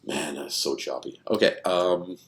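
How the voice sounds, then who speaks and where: Very deep-voiced man musing over charts. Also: steady tone, unhurried. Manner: rambling, thinking aloud with many fillers. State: tired and yawning. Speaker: stock chart commentator. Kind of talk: casual screen-share chart commentary.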